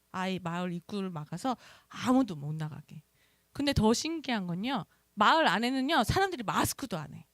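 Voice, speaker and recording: A middle-aged woman missionary gives a testimony sermon, telling her story with a lively, swooping pitch. She acts out the lines she and others spoke. The sound is close and dry, with no room echo. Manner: animated storytelling, acts out her own quoted speech.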